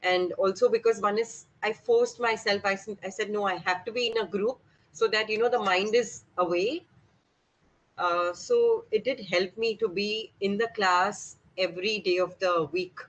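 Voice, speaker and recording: A woman's voice: mid-range voice, fairly even intonation, normal speed, fairly bright tone, lo-fi sound. A middle-aged woman, sharing informally in a group session and slipping between English and Hindi.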